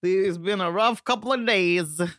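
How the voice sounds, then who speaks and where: A woman's voice: medium pitch, a bit bright, no room sound, studio quality. Podcast co-host: woman, mid-range voice, blunt and swearing, interrupts with laughs. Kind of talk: casual podcast chat.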